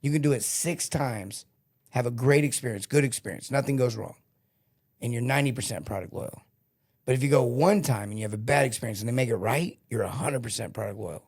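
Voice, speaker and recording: Middle-aged male sales coach, lively storyteller, mid-range voice. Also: mid-range voice, fairly quick, vocal fry, husky. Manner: animated storyteller, acts out quotes. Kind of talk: casual podcast interview.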